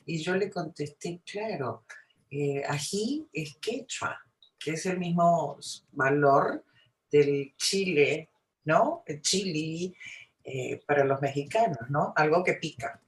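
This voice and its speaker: Slow-paced Peruvian woman lecturing informally. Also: deep voice. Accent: Peruvian Spanish. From Peru. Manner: conversational, punctuated with rhetorical tag questions. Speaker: academic, film historian speaking at a seminar. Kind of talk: informal academic talk. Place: seminar room, indoors. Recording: echoey room sound.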